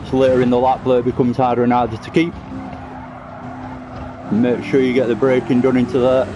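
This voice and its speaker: A man's voice: mid-range voice, level tone, a little fast, music in the background. A man casually commenting on his own sim racing laps on a live stream, chatty and self-deprecating, a little out of breath. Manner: chatty, self-deprecating, explains driving technique.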